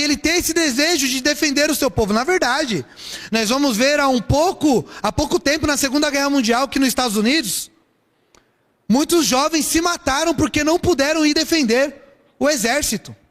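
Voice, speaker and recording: High-voiced preacher in a reverberant hall. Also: male voice. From São Paulo, Brazil. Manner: lively storytelling preaching with rhetorical questions. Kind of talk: sermon.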